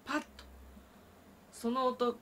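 A woman teaching traditional Japanese singing, explaining breath and voice and breaking into loud sustained sung tones. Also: a little high, steady tone, a little slow, slight background noise. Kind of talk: vocal lesson with sung demonstrations.

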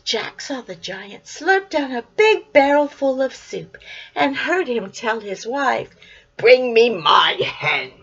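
Older woman reading a children's story, animated. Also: high-pitched, slow, slightly rough. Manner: animated, with whispered asides. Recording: dull lo-fi recording.

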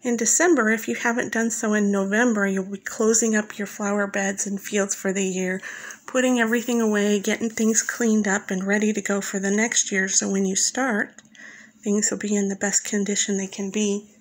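A woman narrating a scripted voice-over guide, speaking in a calm and instructive way and addressing the listener directly. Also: medium pitch, normal speed, poor audio. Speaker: flower farmer and channel host.

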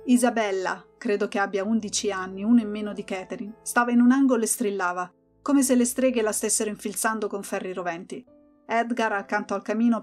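Woman narrating an expressive audiobook. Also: medium pitch. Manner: expressive first-person storytelling.

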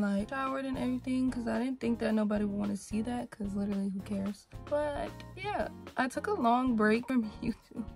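A young woman vlogging casually in her bedroom, rambling and chatty, with a morning voice after just waking up. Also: fairly high pitch. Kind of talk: casual vlog chat. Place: bedroom, indoors.

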